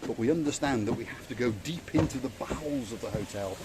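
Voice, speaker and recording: A man's voice: mid-range voice, a little fast, very noisy. An older man giving an enthusiastic walk-around commentary of a hotel, repeating his praise as he goes. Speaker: vlogger touring a hotel. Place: outdoors and indoors in a hotel, walking.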